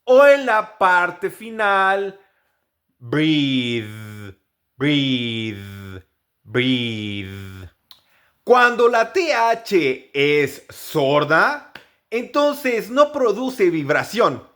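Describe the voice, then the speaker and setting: A man teaching English pronunciation, repeating each example word slowly several times. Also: high voice. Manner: upbeat, animated sign-off. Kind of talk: pronunciation lesson.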